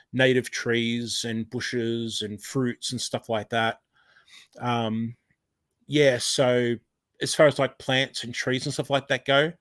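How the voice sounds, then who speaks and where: A man's voice: mid-range voice, no echo. Chatty Australian man hosting a live stream. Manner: chatty, rambling, with many fillers and restarts; warm thanks to viewers, often exclaiming. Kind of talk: casual live chat reading comments.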